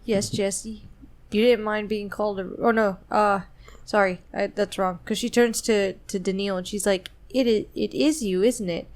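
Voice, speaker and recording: Woman podcast co-host, casual book chat, medium pitch, reads dialogue aloud. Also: steady tone, moderate pace. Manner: retells scenes, reading dialogue aloud.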